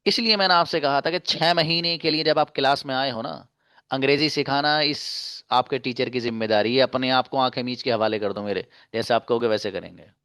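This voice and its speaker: A male English teacher giving a classroom lesson, chanting conjugation drills in quick runs and lecturing students earnestly, calling them brother and dear. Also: medium pitch, a bit bright, clean tone, no echo, studio quality. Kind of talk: classroom lesson in Hindi-Urdu.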